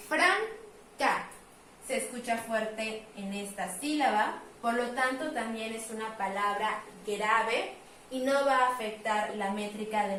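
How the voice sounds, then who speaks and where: Patient female teacher at a whiteboard, fairly high voice, slow and repetitive on key words, roomy echo, mic kept at a distance. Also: fairly bright tone, a little hiss or hum. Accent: Mexican Spanish. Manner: patient, says example words slowly and repeats them. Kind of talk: explaining at a board. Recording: echoey room, voice from a distance.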